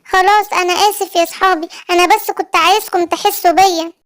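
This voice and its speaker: A woman's voice: steady tone, fast, fairly bright tone. A woman with an Egyptian accent voicing a guilty, sulky little boy lion cub in a children's cartoon story. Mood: sorry. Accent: Egyptian Arabic. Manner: squeaky childlike voice.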